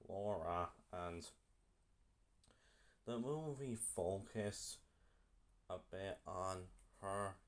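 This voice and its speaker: A young man giving a casual film review, halting and often repeating himself. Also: low-pitched, lively intonation.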